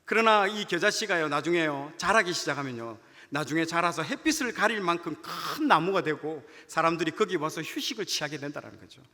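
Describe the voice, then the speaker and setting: Animated preacher, man, high bright voice, echoing church hall. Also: fairly quick, few pauses. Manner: animated storytelling, acts out dialogue. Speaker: junior pastor. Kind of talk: sermon with personal story. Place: church sanctuary.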